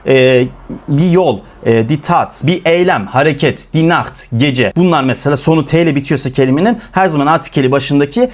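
A man's voice: fairly high pitch, fairly quick. A young man teaching German grammar, listing examples one by one with many filler sounds. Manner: lively, repeats examples, fillers "e". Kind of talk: explaining grammar lesson in Turkish.

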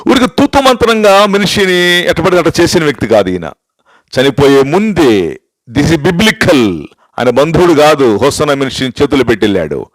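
An older male pastor speaks with a slightly high pitch. He tells stories in an emphatic sermon style and keeps asking his listeners rhetorical questions. He slips English phrases in to drive his points home, and the sound is dry and close with no room echo. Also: big pitch swings, normal speed. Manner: storytelling with repeated rhetorical questions.

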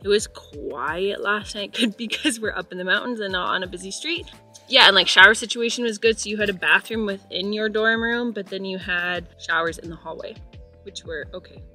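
Faint music sits behind a woman's sharp, medium-pitched voice as she talks at normal speed. She's a travel vlogger in her thirties, chatting cheerfully and rambling to a camera held at arm's length. The settings are hostel grounds, a car, and her bedroom at home.

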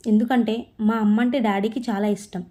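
Storybook: woman voicing an earnest, grieving young girl, mellow and plain. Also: on the high side, fairly even intonation, a little fast, lightly acted. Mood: confident. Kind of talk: storybook reading.

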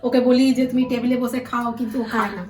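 Older woman, chatty family talk, rapid speech, echoey distant sound. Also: a little high, flat delivery. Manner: talkative, homely. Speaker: family member. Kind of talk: casual chat. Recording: distant roomy recording, loud music.

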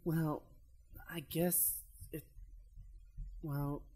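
A woman's voice: deep voice, flat delivery, drawn-out words, mellow, husky, full character voice. A woman playing a fragile, unhinged young man in an amateur radio play, with theatrical delivery over music. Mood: brooding. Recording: music behind the voice.

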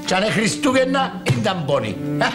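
Miserly old uncle with a Cypriot accent, high, swooping voice, exasperated, sitcom. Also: male voice, sing-song, music in the background. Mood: weary muttering. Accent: Cypriot Greek. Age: older. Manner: exasperated, theatrical sighing and cursing. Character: stingy grumbling old uncle, male. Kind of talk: TV sitcom acting.

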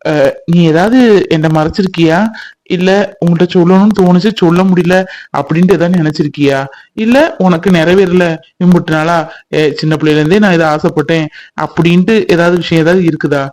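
A man's voice: fairly high pitch, a little mellow, natural voice. A young man playing a playful, affectionate village husband in a family drama skit.

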